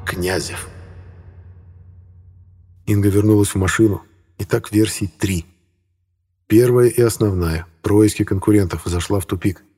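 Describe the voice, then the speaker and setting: Low, husky male audiobook narrator. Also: steady tone, unhurried, long pauses, dark tone, faint music behind. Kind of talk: scripted narration.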